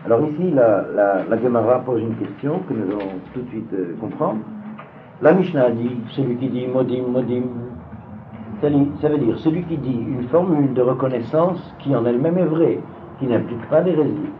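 A man's voice: mid-range voice, moderate pace. A man teaching a Talmud seminar to a class, hesitant, with many fillers and repeated words. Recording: phone-like lo-fi recording with faint noise.

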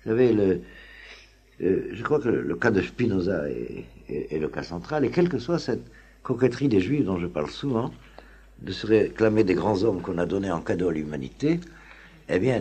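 A man teaching a class on the Talmud in an informal, halting lecture full of fillers and restarts. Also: low-pitched, very animated, mellow. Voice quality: very husky voice. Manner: halting, many fillers and restarts, chuckles often.

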